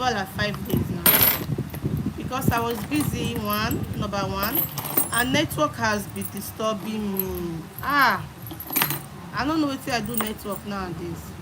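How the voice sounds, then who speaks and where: Speaking at a medium pitch, a young adult woman with a Nigerian accent live streams, calling out viewers by name and saying her phrases again and again. Loud background noise fills the recording.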